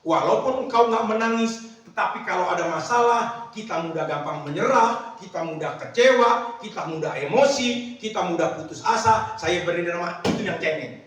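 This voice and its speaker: A man's voice: sits high, animated, normal speed, hardly any pauses, fairly bright tone, slight background noise. A man preaching a sermon as pastor, in casual, slangy speech with call-and-response to the congregation. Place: church hall. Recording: very echoey church hall, mic at a distance.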